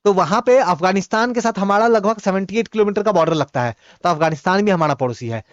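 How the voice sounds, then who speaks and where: Teaching in Hindi, this man, whose first language is Bhojpuri, works through exam-prep geography quiz questions. Each one is read out slowly before he explains the answer with rapid, repetitive asides. The audio has no echo and lacks high frequencies, and his voice sits high.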